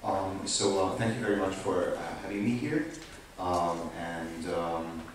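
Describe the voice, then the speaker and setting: A young Hungarian-accented panelist and activist, low-pitched, speaks from a sofa panel in a large conference room. His pace is slow and deliberate, broken by many hesitations and restarts. Though he holds a mic, the recording comes from a far camera, leaving an echoey, distant hall with background noise.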